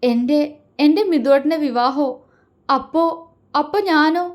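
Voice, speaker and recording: A woman voicing a timid young woman in love, who stammers and halts. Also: sits high. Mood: tearful. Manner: stammering, halting.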